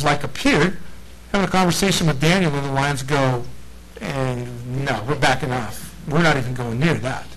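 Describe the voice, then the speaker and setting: A man's voice: on the high side, a little hiss or hum, rough recording. A man preaching a casual sermon, retelling scripture with playful acted-out voices and frequent laughter. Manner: animated storyteller, acts out lines in slangy voices, laughs often.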